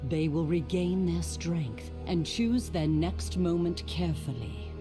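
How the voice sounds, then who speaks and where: Wise female dragon ruler, low voice, solemn, formal, fantasy game, clear music behind. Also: animated, a little slow. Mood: grave, wary. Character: grave, regal female dragon leader, wise and wary.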